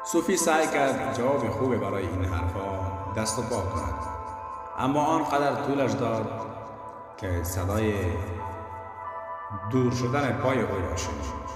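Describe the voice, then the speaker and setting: A man narrating an audiobook with a steady storytelling delivery. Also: lowish voice, long pauses. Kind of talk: scripted narration. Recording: echoey long reverb with background music.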